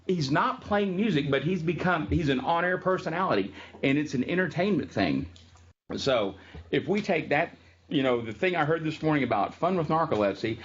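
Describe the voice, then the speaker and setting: A man's voice: on the high side, slight background noise. Chatty male lecturer, slightly muffled. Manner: chatty, storytelling, frequent ums. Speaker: music history lecturer. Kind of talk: casual classroom lecture. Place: classroom.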